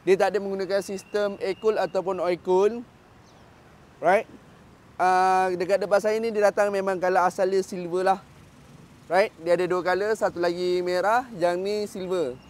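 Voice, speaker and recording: A man's voice: high-pitched, steady tone, moderate pace. A man in his thirties with a Malaysian Malay accent, giving an upbeat sales walkthrough of a motorcycle outside a shop. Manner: upbeat salesman patter, mixes in English fillers. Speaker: motorcycle dealer. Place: outdoor parking lot of a motorcycle shop.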